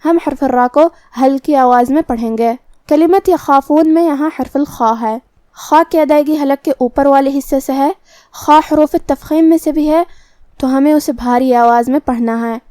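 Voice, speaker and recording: A woman with an Urdu accent teaching Quran recitation rules, explaining pronunciation in a measured, methodical way. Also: sits high, dark tone, no echo, studio quality. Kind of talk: tajweed lesson, explaining then reciting.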